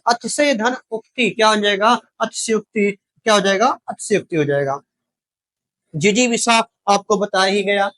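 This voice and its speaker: High-voiced man drilling spellings. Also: a bit bright. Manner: keeps asking rhetorical questions and repeating the answers; addresses viewers directly, calls them brother. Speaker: Hindi exam-prep teacher. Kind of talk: spoken lesson, drilling spellings.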